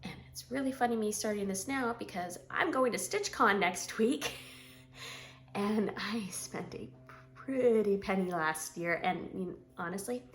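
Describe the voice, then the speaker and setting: A woman in her forties chatting casually to camera about her stitching, rambling with frequent ums and throat clearing. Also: mid-range voice, measured pace. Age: 40s. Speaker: stitching vlogger.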